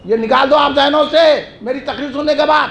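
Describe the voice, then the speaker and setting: A man preaching a fiery sermon, chanting repeated phrases and shouting refrains. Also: extremely high pitch. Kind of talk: fiery religious speech. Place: large mosque hall. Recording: echoey mosque hall.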